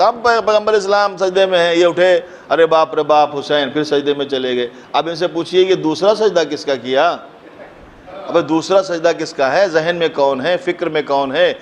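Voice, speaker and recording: A man's voice: a little high, a little hiss or hum. Fervent male preacher, rhetorical questions. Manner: rhetorical questions, rises to a fervent recited couplet. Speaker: cleric giving a mourning sermon. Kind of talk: impassioned majlis sermon. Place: mosque gathering.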